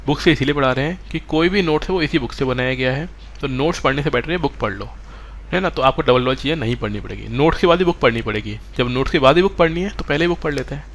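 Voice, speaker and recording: A man runs a live online class at a brisk clip, his voice pitched in the middle for a man. He mixes English terms into his Hindi and keeps stopping to ask the students whether they follow. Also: a bit bright. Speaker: online exam-prep teacher.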